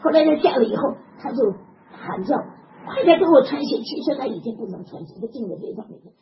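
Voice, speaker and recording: An older woman preaching a sermon in an animated, emphatic way, often chuckling. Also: a little high, fast talker. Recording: dull lo-fi recording with background noise.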